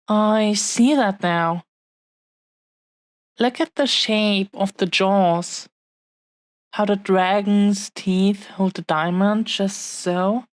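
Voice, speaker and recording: Awed and tender, a woman voices a dragon-blooded fiancée who is both adoring and possessive in an intimate audio roleplay. Her mid-range voice comes through without echo, in earnest, faltering, heartfelt phrases.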